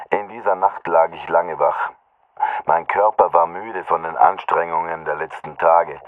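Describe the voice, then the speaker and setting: A man narrates a dark first-person story in a grave, measured reading. His voice is very low and close, with no room sound. The sound is squeezed into a thin, phone-like band. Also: dry recording. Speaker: audiobook narrator.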